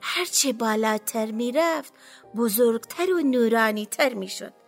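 A woman's voice: fairly high pitch, animated, gravelly, pitched above the performer's own voice. A woman voicing a wary, secretive fellow prisoner who talks in guarded, curt lines in an audiobook, with faint music under her.

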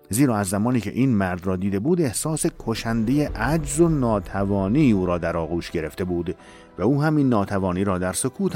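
A man reading a dramatic novel aloud in a measured, emotive storytelling voice. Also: sits low, darkish tone. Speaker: narrator. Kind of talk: dramatic audiobook narration.

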